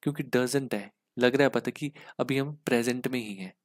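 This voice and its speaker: A man's voice: mid-range voice, normal speed, no echo, studio quality. A man teaching an exam-prep English grammar lesson, explaining step by step and asking "ठीक है?" again and again.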